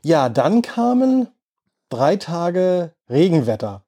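A man's voice: on the high side, big pitch swings, slow pace, mellow. A man in his forties casually telling a holiday story, rambling with many fillers and restarts. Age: 40s.

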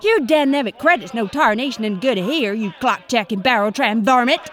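A shrill, stingy saloon keeper from a comedy radio western, who scolds customers in old-west slang. The voice sits very high and leaps wildly up and down. Music plays behind her. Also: animated, normal speed, a bit bright. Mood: scolding.

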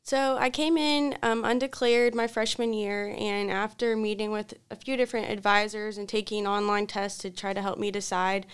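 A college student in her twenties from Kentucky, a woman answering interview questions in a friendly, steady way. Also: medium pitch, normal speed, few pauses, clear, resonant tone. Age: 20s. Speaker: student guest.

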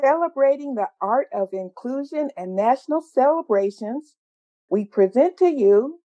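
A woman's voice: fairly high pitch, mellow, dry recording, dull audio. A woman reading out her own mock advertisement in a writing group.

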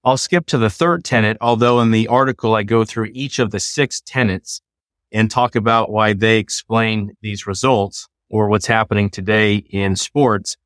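A middle-aged man, a law professor, explaining ideas in a measured, lecturing way during a conversation. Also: on the low side, fairly bright tone, dry recording, studio quality.

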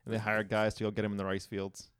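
A man's voice: lowish voice, monotone, fast, clear, resonant tone, no echo. A man hosting a casual podcast, joking and teasing his co-hosts on a studio microphone. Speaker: podcast host. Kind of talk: casual chat. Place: small office room.

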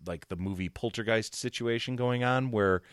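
A man's voice: mid-range voice, normal speed, smooth, dry recording, studio quality. A man guesting on a comedy podcast, laughing often and playing along with the jokes. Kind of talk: casual comedic podcast chat.

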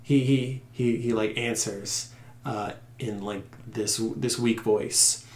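Male game master, low voice, hesitant narration, echoey room with faint noise. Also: fairly even intonation. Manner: halting, with many fillers and restarts.

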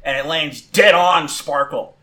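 A man's voice: on the high side, a little slow, pushed and bright. A man narrating as game master of a tabletop game, rambling with fillers and restarts.

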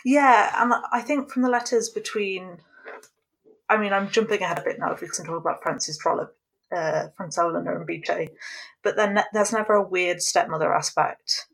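A woman's voice: fairly low pitch, moderate pace, creaky, low-quality recording. A woman co-hosting a podcast, chatting casually and jumping around between anecdotes. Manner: digressive, rambling. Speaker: podcast co-host.

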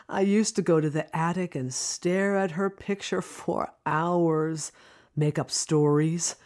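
Deep-voiced and a little mellow, a woman performs scripted first-person narration in an audio drama, her intonation fairly even. She plays a lonely, reflective character remembering childhood, wistful and deliberate throughout.

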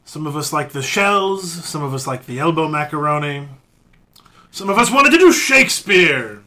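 A man's voice: a little high, lively intonation, moderate pace, bright, forceful tone. A man playing a pompous middle-aged theater veteran who lectures grandly in an improvised comedy scene. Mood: lecturing.

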